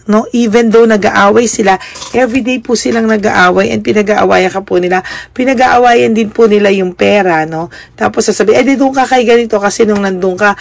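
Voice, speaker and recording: A woman's voice: medium pitch, creaky, no echo. A woman giving a tarot reading straight to her viewers. She speaks politely and ends almost every phrase with a questioning tag. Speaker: tarot card reader.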